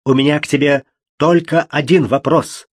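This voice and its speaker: A man's voice: fairly high pitch, steady tone, normal speed, breathy edge, dry recording, clean studio sound. A man reading an audiobook, voicing a stern young man who speaks grimly and insistently.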